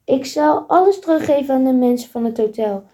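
A woman doing a hoarse, gruff male thief. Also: high voice, animated, brisk, mellow. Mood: pleading. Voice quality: hoarse, heavy.

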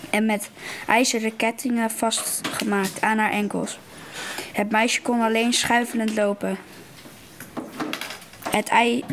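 Woman reading a novel aloud: slow, monotone, higher voice, halting. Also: slight background noise. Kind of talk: reading a book passage aloud.

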